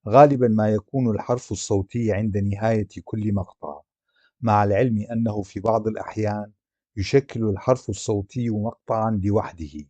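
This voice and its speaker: A man reading a grammar lesson aloud, slowly listing letters, syllables and example words and drawing out each sound. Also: lowish voice, mellow, no echo, lo-fi sound. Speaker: language teacher.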